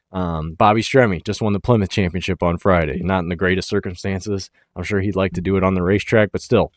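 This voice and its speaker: A man hosting a racing talk show, talking casually and with excitement, pushing hard on key words and then trailing off quietly. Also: fairly low pitch, dry recording, clean studio sound. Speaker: racing podcast host.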